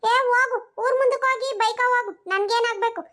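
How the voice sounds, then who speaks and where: Cartoon young village wife, voiced by a performer, sassy, talks back, squeaky high voice. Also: steady tone, fast, bright, forceful tone. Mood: dismissive. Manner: cheeky and dismissive. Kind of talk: cartoon voice acting.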